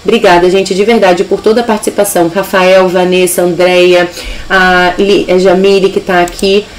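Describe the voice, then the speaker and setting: A woman's voice: on the low side, level tone, slight background noise, low-quality recording. Upbeat Brazilian woman teaching English. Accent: Brazilian Portuguese. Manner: upbeat, explains step by step, slows to repeat lines in English. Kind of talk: live online English lesson.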